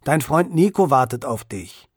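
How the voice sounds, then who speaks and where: A man voicing a caring but strict mother who scolds briskly. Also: mid-range voice, animated, darkish tone, slightly rough, dry recording, studio quality. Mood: scolding.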